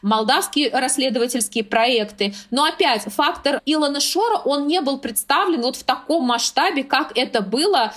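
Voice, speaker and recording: Woman political commentator, high bright register, steady explanatory delivery. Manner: measured, opinionated, explanatory. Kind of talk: analytical political talk.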